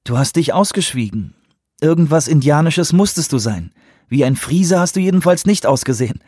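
A man's voice: fairly high pitch, expressive, moderate pace, dark tone, breathy edge, dry recording, clean studio sound, pitched above the performer's own voice. A man voicing a teasing young woman researcher. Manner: teasing, brash.

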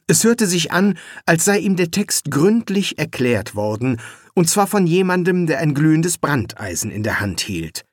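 A man reading an audiobook in a slow, deliberate, dryly ironic manner, recorded close on a studio mic in a dry booth. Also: fairly high pitch, big pitch swings, dry recording. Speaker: audiobook narrator. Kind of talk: scripted narration.

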